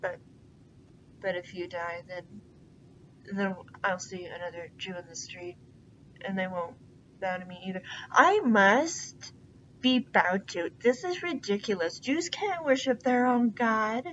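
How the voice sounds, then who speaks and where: A haughty, petulant counselor demanding to be bowed to, voiced by a woman, slow and whiny. The recording is dull and lo-fi with a faint rumble behind. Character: arrogant, petulant male royal counselor.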